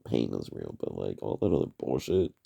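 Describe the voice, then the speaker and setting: A man's voice: a bass voice, very animated, a little fast, creaky, dark tone, husky. A man giving a rambling, profane solo vlog monologue, trailing off on tangents and tagging "man" onto his sentences. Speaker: vlogger.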